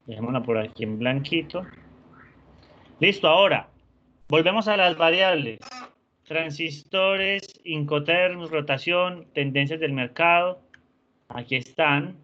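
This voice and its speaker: Bright-voiced male teacher. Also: fairly high pitch. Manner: patient, encouraging, uses diminutives. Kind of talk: online class lecture. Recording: dull lo-fi sound.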